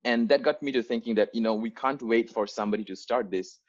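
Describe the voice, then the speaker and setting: Over a video call, a young Bangladeshi man in his twenties gives volunteers an unscripted onboarding talk in English, earnestly recounting how he founded his organisation with many fillers and restarts. He talks fast at a medium pitch, and the sound is lo-fi.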